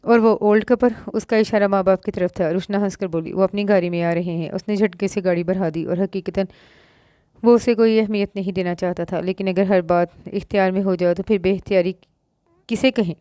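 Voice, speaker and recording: A woman with a Pakistani Urdu accent reading a romance novel aloud, voicing every part in the same even voice. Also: medium pitch, a little fast, smooth, dry recording, studio quality. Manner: reads all parts in one even voice, lifting slightly for quoted lines. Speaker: novel narrator.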